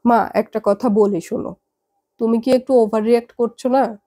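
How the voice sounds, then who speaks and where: A woman voicing a calm young adult daughter who reasons patiently with her parents. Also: on the high side, normal speed, close to an everyday voice. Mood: patient, reasoning.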